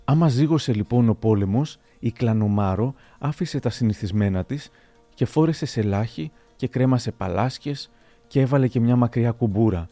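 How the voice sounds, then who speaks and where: A man reads old historical anecdotes aloud, measured and storytelling. His voice is warm and mellow, at an ordinary pitch, with quiet music in the background. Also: expressive, no echo. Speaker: narrator.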